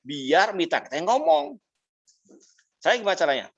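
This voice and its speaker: Animated male mentor over a dull call. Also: sits high, moderate pace, vocal fry, husky. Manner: animated, laughs often, acts out quoted people. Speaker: business mentor teaching a class. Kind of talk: motivational storytelling talk. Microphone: video call.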